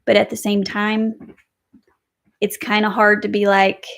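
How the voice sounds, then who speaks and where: Slow-talking gravelly woman chatting live. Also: mid-range voice, completely flat delivery, a bit bright. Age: adult with kids. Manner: chatty, rambling, reads viewer comments aloud. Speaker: livestream host. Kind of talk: casual live chat. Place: at home.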